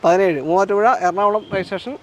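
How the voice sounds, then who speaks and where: High-pitched fast car host mixing Malayalam and English. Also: male voice, fairly even intonation. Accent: Kerala Malayali. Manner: mixes Malayalam with English words; repeats and confirms what he is told. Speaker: used-car video host. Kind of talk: unscripted car showcase with questions to dealer. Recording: clearly noisy outdoor street-side sound.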